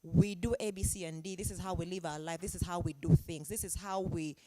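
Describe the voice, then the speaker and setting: A woman's voice: on the low side, steady tone, fairly quick, dark tone, slight background noise. A woman from Uganda, an anthropologist speaking as a guest on a webinar panel, explaining her points reflectively with examples over a video call. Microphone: video call mic.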